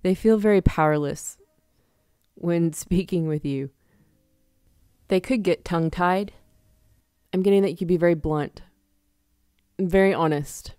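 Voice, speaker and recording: A woman giving a casual tarot reading to her viewers, chatty and quick to laugh, acting out little examples. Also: lowish voice, mellow, smooth, no echo, studio quality. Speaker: tarot reader.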